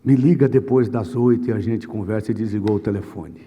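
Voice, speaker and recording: A man's voice: on the low side, fairly quick, highs cut off. A Brazilian man preaching as a pastor, telling a story dramatically and acting out the dialogue. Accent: Brazilian Portuguese. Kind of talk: sermon storytelling. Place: church. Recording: long reverb in a church hall.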